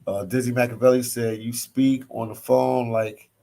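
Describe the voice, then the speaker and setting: This travel vlogger, a relaxed guy from Philadelphia on the US East Coast, sits in a hostel library reading his live chat and answering viewers. He talks at a normal speed in a gravelly, mid-range voice, repeating himself and saying "man" a lot.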